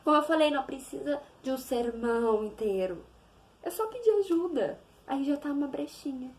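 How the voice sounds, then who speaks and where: Young woman, bright high voice, casual devotional vlog, animated, plays out dialogues. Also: normal speed. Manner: animated, acts out prayers and dialogues in playful voices. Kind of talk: casual devotional talk to camera.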